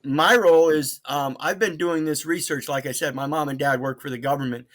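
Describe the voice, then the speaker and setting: A man's voice: a little high, a little fast, fairly bright tone. An American man calling in to a radio show, debating off the cuff in an earnest, insistent, preachy way. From Mississippi, United States. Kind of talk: unscripted call-in debate.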